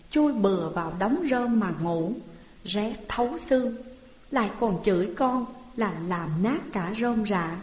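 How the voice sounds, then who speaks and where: A woman's voice: fairly high pitch, a little mellow. A woman voicing a mistreated thirteen-year-old orphan boy who pleads tearfully, in a roomy hall reverb.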